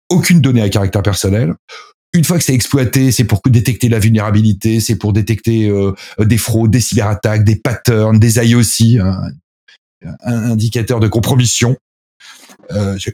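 A man's voice: medium pitch, mellow. A man giving casual, ironic commentary, breaking off into mocking parody voices. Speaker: commentator explaining a new law.

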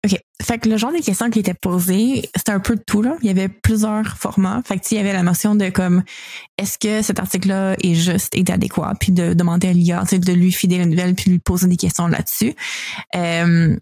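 A woman's voice: lowish voice, flat delivery, fairly quick, dark tone, dry recording. A woman with a Quebec French accent hosting a casual news discussion, informally mixing English words into her French. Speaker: podcast host; teacher.

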